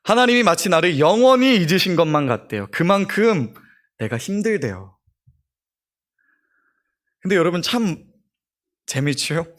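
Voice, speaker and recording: A man's voice: high-pitched, very animated, unhurried, long pauses, fairly bright tone. A young man, a junior pastor, preaching a sermon and acting out the prayers he quotes.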